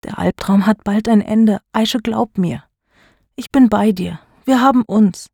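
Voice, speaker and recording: A woman's voice: mid-range voice, animated, unhurried, darkish tone, slightly rough, dry recording, studio quality. A woman playing a tender, reassuring teenage boy. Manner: soothing, comforting.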